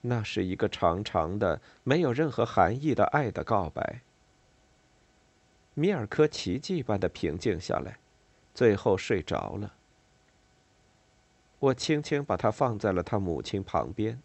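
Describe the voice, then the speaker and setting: A man narrating a novel in a measured reading style with expressive, varied intonation. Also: fairly low pitch, no echo. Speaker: audiobook narrator.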